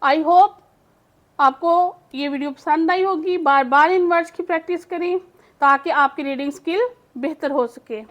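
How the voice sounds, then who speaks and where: A woman teaching English phonics, explaining slowly in Urdu and saying each word twice. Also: high-pitched, lo-fi sound. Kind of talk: slow phonics lesson.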